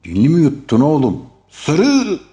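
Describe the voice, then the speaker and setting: A man voicing an excited old football fan who barks chants and orders at a young man, in a storybook reading. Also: low-pitched, a little slow. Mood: excited shouting. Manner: shouting loud chants.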